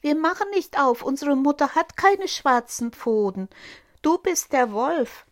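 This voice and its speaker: A woman voicing seven young goat kids in a fairy tale, in a high, childlike voice. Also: animated, unhurried. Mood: wary insistent. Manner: high, bright childlike chorus voice.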